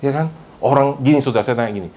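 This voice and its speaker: A male pastor delivers a lively sermon, his pitch leaping high and dropping low for emphasis. He switches freely between two languages and keeps prompting the congregation to answer him. Faint ambient noise hums behind him in the church. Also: rapid-fire. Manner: mixes Indonesian with English phrases; animated and emphatic, with big pitch swings. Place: church service before a congregation.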